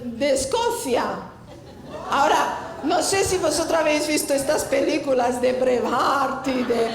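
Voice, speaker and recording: A woman from southern Italy in her fifties, speaking with an Italian accent to a church meeting in an unhurried, chatty way, pausing often to find words. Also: high voice. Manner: warm, chatty, many hesitations and restarts. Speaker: Bible college director speaking at a church women's meeting. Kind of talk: testimony talk to a church audience. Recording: echoey hall with faint ambience.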